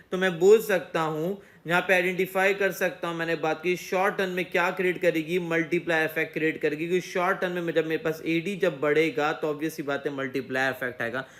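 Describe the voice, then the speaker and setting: A man's voice: on the high side, a bit bright. A man teaching an economics lesson in speech, asking himself questions and answering them over and over. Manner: repetitive question-and-answer explaining. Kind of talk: recorded classroom lecture.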